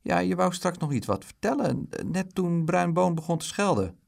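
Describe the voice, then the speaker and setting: A man voicing a calm, sensible twelve-year-old girl who speaks gently and coaxingly. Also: sits high, normal speed, creaky, pitched above the performer's own voice, heavily acted.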